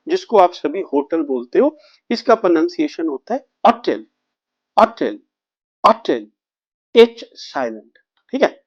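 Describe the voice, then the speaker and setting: Man teaching vocabulary, lively. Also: sits high, no room sound, dull audio. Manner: explains slowly, drawing out English words for the learner to repeat. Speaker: English teacher. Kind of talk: spoken vocabulary lesson.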